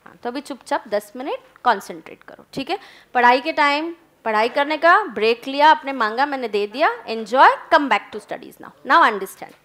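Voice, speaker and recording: एक महिला शिक्षिका कक्षा में छात्रों को हिंदी और अंग्रेज़ी मिलाकर समझाती हुई व्याख्यान देती है।. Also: female voice, high-pitched, animated, unhurried, a bit bright. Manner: mixes Hindi and English, coaxing students. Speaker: teacher. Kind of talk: classroom lecture. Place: classroom.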